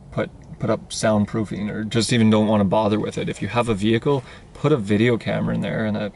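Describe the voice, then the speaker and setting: Gravelly-voiced man teaching drum rhythms. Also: fairly low pitch, a little mellow. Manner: explains plainly, then chants rhythm syllables aloud. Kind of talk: casual instructional explanation. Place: inside a parked car. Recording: gravelly voice, faint road hum.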